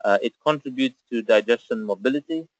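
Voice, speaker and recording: Man, grew up in Zambia, webinar lecture, explanatory, frequent fillers, average pitch, dry sound. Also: fairly quick, no room sound, muffled recording. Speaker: webinar presenter on nutrition.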